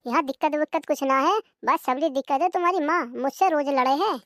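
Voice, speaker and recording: Brief: woman doing a sharp-tongued cartoon daughter-in-law, high and dry. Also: a little fast, no room sound, lightly acted. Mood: coaxing. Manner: defiant, talks back.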